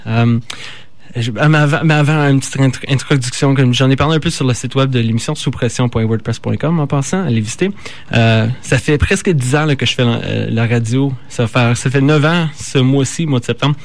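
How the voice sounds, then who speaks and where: A man with a Canadian French accent and a mid-range voice hosts a live radio show, talking informally and haltingly as he stumbles over words and corrects himself.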